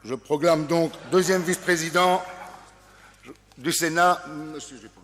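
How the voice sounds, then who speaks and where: A man's voice: fairly high pitch, slow pace, a bit bright. Man chairing a session in a reverberant hall. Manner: formal, announcing, with some hesitations. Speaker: presiding officer of a parliamentary session. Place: large parliamentary chamber.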